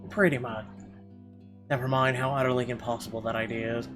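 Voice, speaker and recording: Reading a visual novel aloud with expression as he plays, a man adds casual commentary in a let's play. His mid-range voice has a flat delivery and a slightly fast pace, and guitar game music plays behind it.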